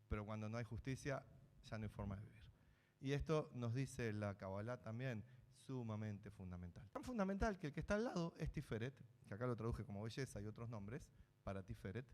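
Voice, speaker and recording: A man with a Rioplatense Spanish accent gives a lecture on Kabbalah, teaching as a rabbi. His voice sits in the middle range and often asks questions before answering them himself. The sound carries a long, reverberant hall tail. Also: medium pitch. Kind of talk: spoken lecture.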